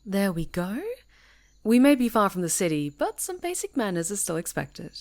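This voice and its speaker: Her medium-pitched, darkish voice has a sing-song lilt at normal speed as she plays a friendly, chatty camper on a woodland retreat. It's an ASMR roleplay, with her chatting and teasing an unheard listener in an easygoing, friendly mood.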